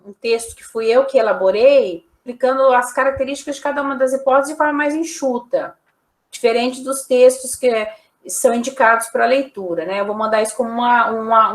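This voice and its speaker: A woman's voice: fairly high pitch, normal speed, echoey room. A woman teacher giving a recorded online lecture, explaining examples one by one with frequent tag questions.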